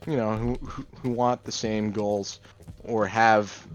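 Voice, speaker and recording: A young man doing gameplay commentary in a deadpan monotone, rambling through offbeat musings. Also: lowish voice, slow pace. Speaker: gaming channel host.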